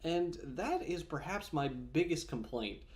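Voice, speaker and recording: A man's voice: a little high, animated, measured pace, darkish tone. A man chatting casually in a gaming vlog, rambling with many fillers and self-corrections, snacking on almonds as he talks. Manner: snacks on almonds while talking. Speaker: gaming vlogger.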